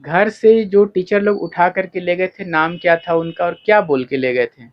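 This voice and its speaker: A man's voice: high voice, normal speed. Formal male field reporter, lo-fi sound. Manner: formal, explanatory. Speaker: news reporter. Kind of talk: field news interview and report. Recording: dull lo-fi field recording.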